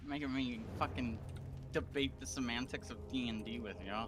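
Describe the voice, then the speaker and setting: A man's voice: medium pitch, steady tone, normal speed, a little hiss or hum. Young man explaining game rules, swearing. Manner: explains mechanics, swears freely. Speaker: co-op gamer. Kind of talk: casual gaming chat.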